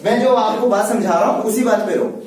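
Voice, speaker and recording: A man's voice: sits high, a little fast, a crowd in the background. A man teaching accountancy in a classroom lecture, often checking that students follow. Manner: patient, repeats questions to check understanding. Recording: echoey classroom from far off.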